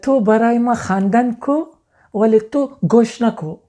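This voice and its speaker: A man's voice: extremely high pitch, mellow. A man with a Pashto-accented Dari voice, playing a proud, easily offended Pashtun man who speaks in broken grammar in a comedy sketch. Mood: insistent. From Afghanistan. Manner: pleading, insistent, easily offended. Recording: noisy home recording.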